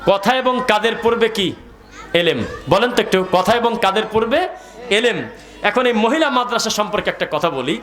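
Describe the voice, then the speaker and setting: A man's voice: sits high, animated, a little fast, a bit bright. A man with a Bangladeshi Bengali accent preaching a sermon to a gathering, asking the crowd questions and reciting Arabic verses. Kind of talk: sermon at an outdoor religious gathering.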